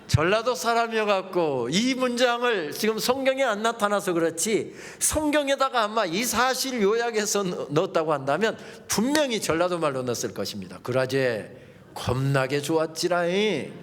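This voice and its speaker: A male pastor preaching a lively revival sermon, often dropping into playful dialect quotes. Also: high voice, brisk, few pauses, big-room sound.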